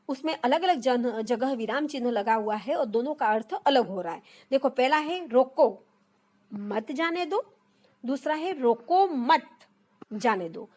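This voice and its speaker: Young adult woman, high voice, patient step-by-step teacher for exam prep, repeats key terms. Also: darkish tone. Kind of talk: exam-prep grammar lesson.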